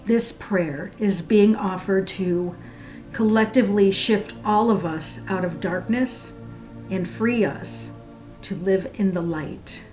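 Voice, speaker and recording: A woman leads a guided meditation and prayer in a soft, hushed, soothing voice that trails into a near-whisper. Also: medium pitch, slow pace, faint music behind, low-quality recording.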